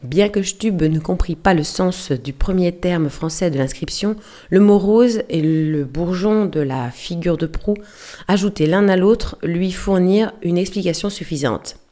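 Low, dark-voiced woman narrating. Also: a little slow. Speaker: audiobook reader. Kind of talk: scripted narration.

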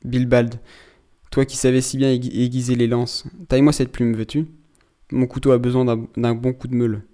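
A man's voice: mid-range voice, level tone, normal speed, natural voice. Man voicing a blustering old sea captain. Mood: gruff, settled. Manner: blustering and loud when angered. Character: gruff old male sea captain, hot-tempered.

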